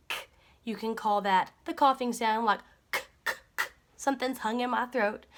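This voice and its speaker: A young adult woman working as a speech-language pathologist, explaining articulation cues and modeling each sound with short repeated syllables. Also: medium pitch. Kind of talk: instructional explanation.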